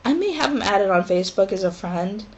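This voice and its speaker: A woman in her twenties talking haltingly and emotionally in a personal vlog from her dorm room, with pauses and sighs. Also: mid-range voice, animated, a little mellow, lo-fi sound, slight background noise. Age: 20s. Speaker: vlogger.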